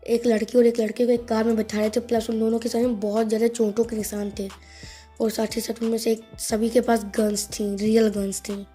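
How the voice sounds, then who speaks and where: A woman's voice: on the high side, level tone, brisk, mellow, husky, faint music behind. A woman voicing an anxious schoolboy in a storybook telling, speaking urgently and pleadingly. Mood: worried. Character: anxious schoolboy, jittery and insistent.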